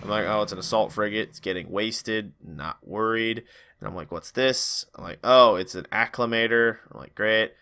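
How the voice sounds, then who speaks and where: A tired man talks through his strategy game in a loose, rambling way. He keeps acting out his own reactions in little quoted asides. His voice sits low but carries a bright, forceful edge. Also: normal speed, clear, resonant tone. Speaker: gaming YouTuber. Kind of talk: casual gameplay commentary.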